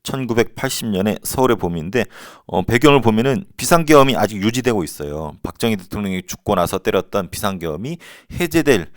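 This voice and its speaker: A man in his forties teaching a high school history lesson, casual and joking, now and then shouting out slogans. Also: animated, a little fast, hardly any pauses, dry recording, clean studio sound. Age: 40s. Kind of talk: lecture for high school students.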